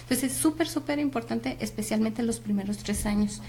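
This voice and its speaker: A woman's voice: on the high side, a little fast, warm tone, a little hiss or hum. A woman psychologist with a Mexican Spanish accent, explaining earnestly as an interview guest with many fillers. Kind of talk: explanatory talk show interview.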